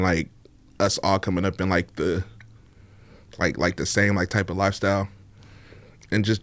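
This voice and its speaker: A laid-back man from Oakland, California, guests on a podcast, chatting casually in a casual interview, laughing often and using many fillers. His voice sits low and the recording is dry.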